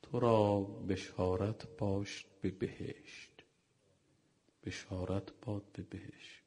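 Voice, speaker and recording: A man's voice: fairly low pitch, level tone, a little mellow, lightly acted. A man preacher voicing a repentant male warrior who tells his master of his change of heart, in an earnest, confessional tone. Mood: earnest, pleading.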